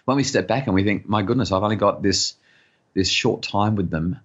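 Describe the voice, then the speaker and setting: A middle-aged man talks as a guest on a parenting podcast. His voice sits low and has a breathy, husky edge. He speaks earnestly and often stumbles over repeated words, and the audio comes through muffled and lo-fi. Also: a little fast, a bit bright. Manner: earnest, repeats words when starting sentences; acts out harried parent voices in higher pitch. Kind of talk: podcast interview conversation.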